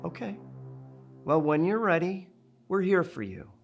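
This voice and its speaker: An actor playing a male support group leader who speaks calmly and reassuringly, in film dialogue. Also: high voice, unhurried, gravelly, lo-fi sound, soft background music, heavily acted. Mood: gentle. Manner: calm, gentle, reassuring. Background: film score.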